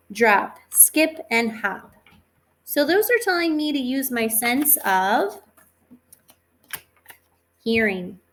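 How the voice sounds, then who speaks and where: An elementary school teacher reads aloud to young children in an instructive lesson, stressing key words and posing questions she then answers herself. Her voice is on the high side, a bit bright, with vocal fry.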